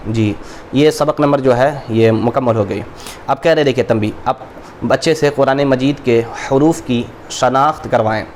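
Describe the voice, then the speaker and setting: A man teaching a recorded lesson on reading Quranic letters, who stretches out each letter name slowly and then explains at a quick, conversational pace. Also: medium pitch, a little mellow, a little hiss or hum. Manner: slow drawn-out letter names between quick explanations.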